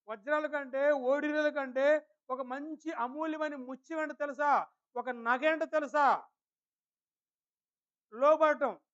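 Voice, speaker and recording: A male preacher with a notably high voice delivers a Sunday sermon in church and keeps questioning the congregation. His words turn slow and weighty when he reads scripture, and the recording sounds dull and lo-fi. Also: a bit bright. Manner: questions the congregation and calls on people by name. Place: church service.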